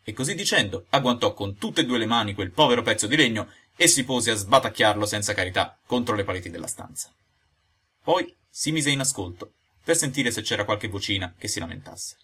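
Guy reading a kids story out loud, expressive, lowish voice, kinda husky. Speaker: audiobook narrator. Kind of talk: scripted storybook narration.

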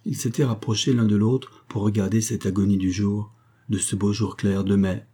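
Man narrating a novel, dark mellow husky voice, calm measured reading. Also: fairly low pitch. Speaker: audiobook narrator.

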